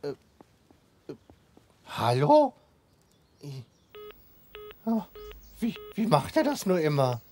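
An earnest, fussy puppet character for a children's show. The voice is husky and leaps wildly up and down as he proudly explains things, tripping over words when flustered. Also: fairly high pitch, very animated, slow, long pauses, dark tone, heavily acted. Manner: eager explaining, stammers when flustered, chuckles to himself.

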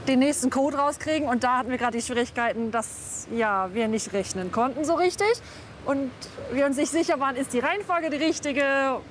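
A woman's voice: high-pitched, a little fast, slight background noise. A woman in her thirties from Germany, chatting about playing an outdoor escape game. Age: 30s. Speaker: game participant. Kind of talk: casual interview remarks.

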